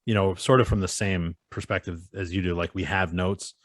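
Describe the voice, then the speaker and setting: Low-voiced guy guesting on a podcast, blunt, swears a lot, video call, dry. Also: fairly even intonation, fairly quick, dry recording. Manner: blunt and candid, swears freely. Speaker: podcast guest and co-host of a motorsports show. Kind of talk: casual chat.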